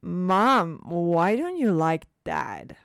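A woman's voice: fairly low pitch, sing-song, extremely slow, creaky, no echo, clean studio sound, heavily acted. A woman voicing a wounded young girl who speaks in a plain, subdued way.

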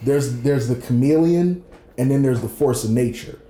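A man's voice: medium pitch, normal speed, mellow, roomy sound. A man in casual chat as a podcast co-host who repeats himself, cuts in and laughs often. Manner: talks over others, repeats words, laughs often.

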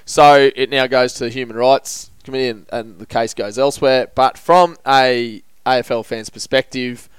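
A man's voice: mid-range voice, moderate pace, hardly any pauses, smooth, dry recording, poor audio. An Australian man hosting a casual footy show, chatting in a blokey, matey way full of local slang. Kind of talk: casual sports banter.

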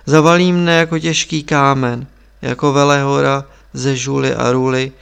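A desperate young monk, pleading and anguished, his words heavy with despair, as a male reader puts him on. The voice is smooth with a gravelly fry underneath. This is an audiobook reading. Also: mid-range voice, fairly even intonation, fairly bright tone.

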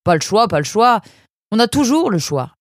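A woman doing a fussing, high-pitched animal mother. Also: expressive, moderate pace, a little mellow, breathy edge, no room sound, studio quality.

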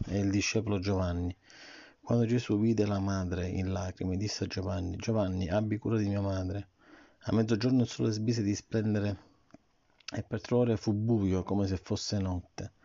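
A middle-aged man reading a bedtime story aloud to his son and gently, patiently asking him questions about it. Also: on the low side. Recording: dull lo-fi recording.

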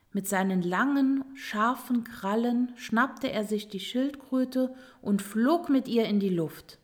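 A woman reading a children's storybook aloud in a calm, expressive way. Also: medium pitch. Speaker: narrator.

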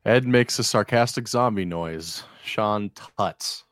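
A man's voice: lowish voice, takes it slowly, a bit bright, dry recording, clean studio sound, soft background music. A man reading screenplay stage directions aloud as an amateur narrator. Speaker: amateur script reader.

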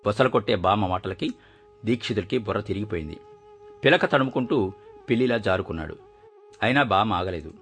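A man with a low voice narrates a story in a measured, expressive way. Soft music plays faintly behind the reading.

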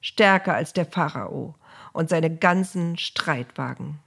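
A woman's voice: sits low, slow pace, creaky, a bit bright, husky, heavily acted. A woman voicing God, giving firm commands to a leader. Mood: commanding. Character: commanding divine male voice.

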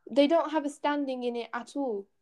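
Female co-host, somewhat high register. Casual discussion style, hesitant, pausing phrasing. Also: mellow.

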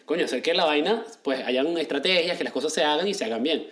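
Venezuelan man host, very fast, slangy, joking. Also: a little high, a bit bright. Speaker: podcast host. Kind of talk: casual chat.

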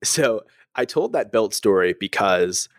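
A man with a fairly low voice tells a story on a podcast, animated and quick to laugh. He acts out the people in it. The sound is close and dry, with no room echo. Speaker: podcast co-host. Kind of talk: casual chat, storytelling.

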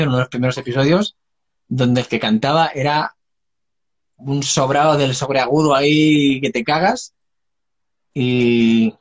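A man, a singer chatting casually and telling stories with laughs and frank swearing. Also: medium pitch. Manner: lively storyteller, laughs and swears freely. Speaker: singer and dub voice guest. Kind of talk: casual chat.

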